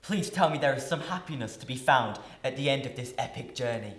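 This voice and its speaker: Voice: mid-range voice, expressive, fairly quick, a bit bright, close to an everyday voice. A teenage pupil playing Scrooge, a miserly, bitter and remorseful old man, with dramatic, anguished delivery in a radio play. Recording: roomy echo.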